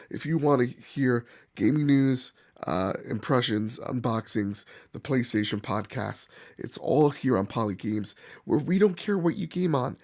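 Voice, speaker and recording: A man hosting gaming commentary, speaking bluntly and emphatically in a rough, hoarse voice as if sick. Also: medium pitch, darkish tone. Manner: emphatic, opinionated, blunt, swearing. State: hoarse from bronchitis. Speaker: gaming channel host. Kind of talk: opinion commentary to camera or viewers.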